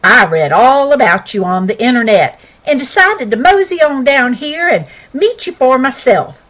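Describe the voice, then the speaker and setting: A woman's voice: sits high, animated, normal speed, a bit bright, pitched above the performer's own voice, low-quality recording. A woman voicing a folksy young male cowboy pony in a storybook, with a drawling western manner of talk. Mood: friendly.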